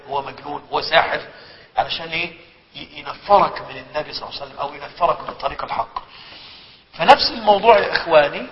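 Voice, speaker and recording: Egyptian sheikh teaching a lesson, quick and higher-pitched, fond of rhetorical questions, recorded dull and lo-fi with hall reverb. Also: male voice. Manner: rhetorical questions, lively storytelling. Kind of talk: religious lesson. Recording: echoey hall, dull lo-fi sound.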